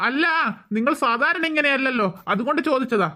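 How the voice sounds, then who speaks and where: A woman's voice: sits high, brisk, pushed and bright. Woman playing a blunt young cartoon man. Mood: mocking. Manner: blunt, mocking, impatient. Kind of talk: cartoon voice acting.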